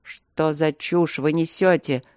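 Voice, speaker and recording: A woman's voice: low voice, normal speed, a little mellow, dry recording, studio quality, lightly acted. A woman voicing a cold, irritated male professor in an audiobook, speaking curtly through her teeth. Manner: curt, clipped, through teeth.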